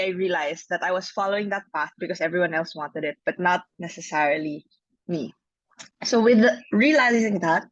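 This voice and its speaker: A woman's voice: on the low side, dry recording, muffled recording. A woman in her twenties with a Filipino accent, telling her personal story as a podcast guest. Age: 20s. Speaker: podcast guest, life coach.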